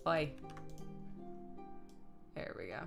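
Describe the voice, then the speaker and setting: This woman speaks very slowly as she edits on a livestream she hosts, chatting casually over background guitar music. Her manner is playful and silly, with self-mocking asides and bits of muttering and humming to herself while working.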